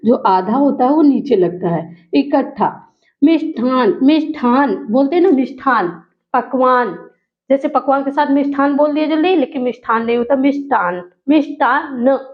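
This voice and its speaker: A woman teaching a spoken grammar lesson to students, repeating each word slowly and carefully to drill its pronunciation. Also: high-pitched. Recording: dull lo-fi recording.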